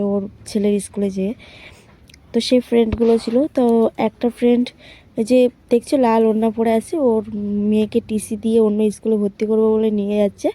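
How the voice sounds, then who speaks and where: A woman's voice: on the high side, dark tone. Chatty young woman vlogging with a phone. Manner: chatty, talks to viewers and coaxes her son. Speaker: vlogger and mother. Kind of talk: casual vlog narration. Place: home, then on a metro train.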